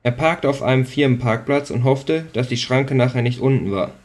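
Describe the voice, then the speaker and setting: A man's voice: mid-range voice, moderate pace, a little mellow. A man reading a story aloud in a dry, matter-of-fact way. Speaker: narrator. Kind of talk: scripted narration.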